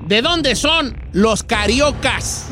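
A man's voice: very high-pitched, expressive, extremely slow, sharp tone, slight background noise, full character voice. A man voicing a joking elderly male radio host with a Mexican accent, running a call-in quiz in a folksy, teasing drawl. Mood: playful. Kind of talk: comedic radio call-in show.

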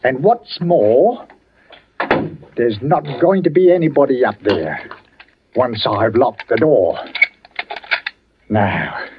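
An actor playing a superstitious working-class village greengrocer, deferential and folksy, in 1940s radio drama. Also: male voice, mid-range voice, animated, slow pace, long pauses, noisy background. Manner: folksy, deferential, dropped grammar. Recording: dull old radio broadcast.

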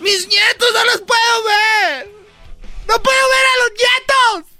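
A man's voice: extremely high pitch, slow, pushed and bright, shouting, faint music behind, voice pushed up, full character voice. A man voicing a desperate older woman, a grandmother who shrieks and sobs her pleas. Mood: wailing.

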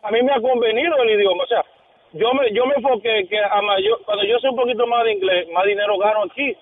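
A man calling in to a radio show, telling an animated story and laughing as he talks. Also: high-pitched, fast talker, slight background noise. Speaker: caller. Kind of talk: casual call-in chat. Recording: tinny phone line.

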